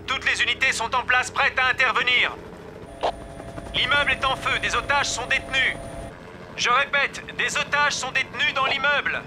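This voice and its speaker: An actor playing an urgent tactical unit commander in a film drama, giving clipped military orders. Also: male voice, on the high side, steady tone, moderate pace, noisy background, natural voice.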